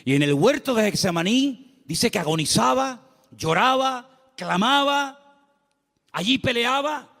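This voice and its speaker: A man's voice: very high-pitched, expressive, measured pace, creaky, sharp tone. A male pastor with a Canarian accent, preaching a sermon in a church, folksy and full of rhetorical questions. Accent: Canarian Spanish. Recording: long reverb of a church hall.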